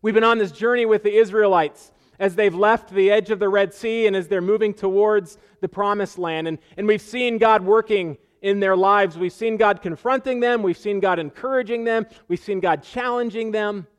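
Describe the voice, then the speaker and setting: A man's voice: high voice, normal speed, few pauses, smooth. A man preaching a sermon as pastor, earnest, repeating phrases for emphasis and asking rhetorical questions.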